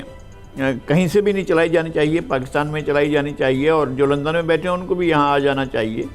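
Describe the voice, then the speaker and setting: Older commentator, measured and pausing. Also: male voice, fairly high pitch. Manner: measured, pausing with drawn-out fillers. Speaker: political commentator. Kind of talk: TV panel discussion.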